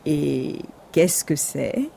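A woman's voice: low-pitched, sing-song, very slow, creaky, warm tone, slight background noise, voice pushed down, full character voice. A woman voicing a big, hungry male wolf who speaks in a honeyed, sly way in a children's storybook.

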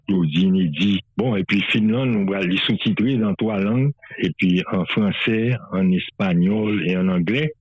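Haitian man, low voice, muffled radio. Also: breathy edge, dry recording. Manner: loose, halting phrasing with frequent restarts. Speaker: filmmaker guest. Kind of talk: radio interview. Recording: dry, slightly muffled radio sound.

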